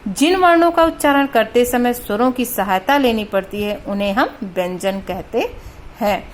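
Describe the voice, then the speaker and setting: A woman's voice: on the high side, animated, a little hiss or hum. Patient woman teaching Hindi grammar. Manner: patient, repeats sounds slowly to demonstrate pronunciation; mixes in English words. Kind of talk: explaining at a board.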